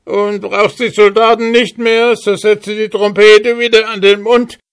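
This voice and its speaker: A whining little dwarf from a fairy tale. The voice jumps far up into a shrill, desperate squeal and pleads without pause. It sounds slightly thinner and more distant than the narration. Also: male voice, flat delivery, smooth. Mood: pleading, wailing. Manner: shrill high wailing. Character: whining pleading male dwarf, small and sly.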